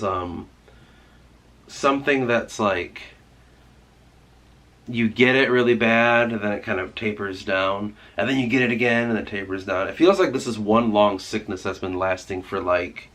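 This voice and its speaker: A man's voice: fairly low pitch, unhurried, fairly bright tone. A man with a stuffy nose and sore throat, rambling and swearing casually in a vlog. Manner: rambling, heavy swearing, many "like"s. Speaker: writer vlogging.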